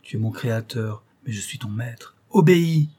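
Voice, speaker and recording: A man's voice: medium pitch, animated, moderate pace, warm tone, breathy edge. A man reading as a vengeful, bitter creature. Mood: menacing. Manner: menacing and reproachful. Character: wretched vengeful male creature, bitter and threatening. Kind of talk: audiobook reading.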